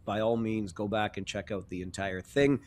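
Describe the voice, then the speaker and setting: A man's voice: on the low side, steady tone, normal speed, darkish tone. A man co-hosting a sports podcast in a genial, conversational way, chuckling now and then. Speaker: podcast co-host. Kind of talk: casual sports podcast chat.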